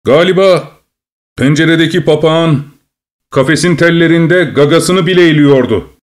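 Nervous, eager courtier, played by a male narrator, slightly higher voice. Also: normal speed, close to an everyday voice. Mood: placating.

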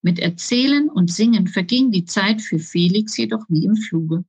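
A woman reads her children's book aloud in a calm, even storytelling voice. Her voice has a soft, breathy edge. She is recorded close up in a dry room. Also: mid-range voice, moderate pace, no echo. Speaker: author reading her book.

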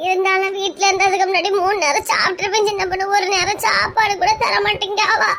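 A woman's voice: very high voice, fairly even intonation, fast, sharp tone, heavily acted. A woman voicing a whining, complaining elder sister with a Kanyakumari accent, in a noisy recording. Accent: Kanyakumari Tamil. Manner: whiny, complaining.

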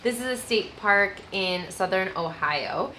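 A woman in her thirties chatting casually as a travel vlogger, seated outdoors beside a camper with a relaxed, friendly manner. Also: mid-range voice, a little slow, slight background noise. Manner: relaxed, friendly, with easy laughs.

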